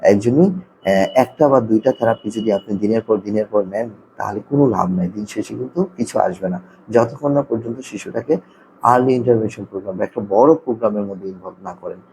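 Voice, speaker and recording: A man, an occupational therapist, explaining a topic to parents, repeating his points, often checking in with listeners, and sounding out letters slowly. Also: lowish voice, a little mellow, slight background noise, rough recording.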